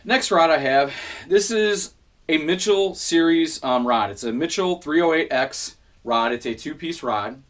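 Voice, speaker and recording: A man in his thirties with a voice on the high side hosts a fishing channel and talks about his gear casually to the camera. His easygoing delivery is full of fillers and fast self-corrections. He is filmed in a small room at home by a camera a few feet away.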